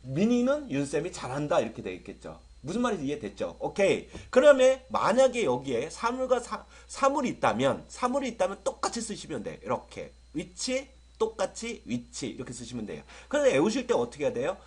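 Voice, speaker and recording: A middle-aged man from South Korea lectures on English grammar in a slightly husky voice. His pitch sits a little high and swings widely as he talks. He keeps checking in with his students to see if they understand. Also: a little fast, few pauses. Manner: lively, keeps asking students if they follow.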